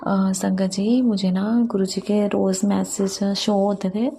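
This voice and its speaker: Gravelly, flat-voiced woman sharing faith testimony. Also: medium pitch, slight background noise. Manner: halting, many fillers and restarts. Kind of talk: devotional testimony talk.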